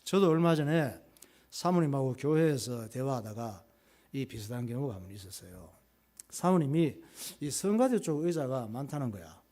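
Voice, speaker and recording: A man's voice: mid-range voice, lively intonation, moderate pace, warm tone. A male pastor preaching conversationally in a church, posing rhetorical questions and acting out everyday dialogue. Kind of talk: sermon.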